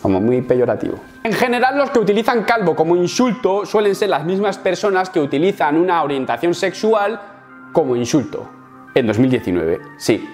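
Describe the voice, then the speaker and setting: A young Spaniard talks straight to his viewers in a comedic vlog, with a Spain accent and a sarcastic edge. He swears freely and acts out little scenes, and his pitch leaps up and down as he talks. Faint music sits quietly underneath. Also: sing-song, moderate pace. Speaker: YouTuber.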